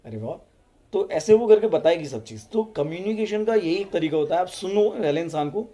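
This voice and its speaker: A man giving communication tips to his video audience in a calm, unhurried, deliberate way. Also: a little high. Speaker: YouTube self-help creator. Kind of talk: casual advice talk to camera.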